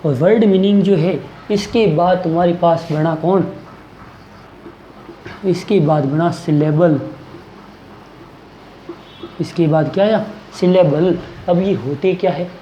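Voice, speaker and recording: Coaching-class teacher, warm relaxed tone, question-and-answer drilling, echoey room. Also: medium pitch, slow pace, pauses often, dull audio, a little hiss or hum. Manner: asks questions and answers them, repeating key words. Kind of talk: classroom grammar lesson.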